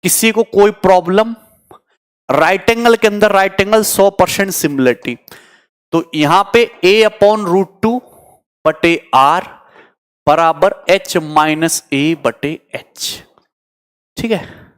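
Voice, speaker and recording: High-voiced teacher explaining exam maths. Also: male voice, slow, long pauses, clear, resonant tone. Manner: teasing, chatty, answers student comments. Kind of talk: online exam coaching lecture.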